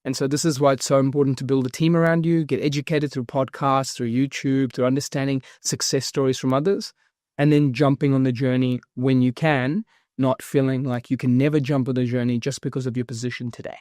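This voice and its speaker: A New Zealand man who founded a property investment business is a guest in a casual interview, explaining things energetically in a fast flow dotted with fillers. His voice is mid-range, and the recording is studio quality with no room sound.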